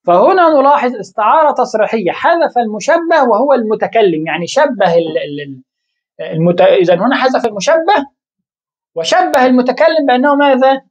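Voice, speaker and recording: A woman's voice: on the high side, animated. Lady teacher explaining stuff, asks herself questions, voice jumps around a lot, kinda muffled lo-fi sound. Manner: asks rhetorical questions and answers them, with halting restarts. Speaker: Arabic grammar teacher. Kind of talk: explaining a lesson.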